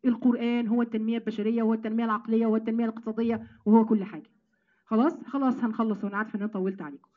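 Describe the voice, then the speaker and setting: A woman with an Egyptian accent giving an animated Quran lesson to women, addressing them as sisters. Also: a little high, racing, phone-quality sound. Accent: Egyptian Arabic. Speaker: Quran teacher.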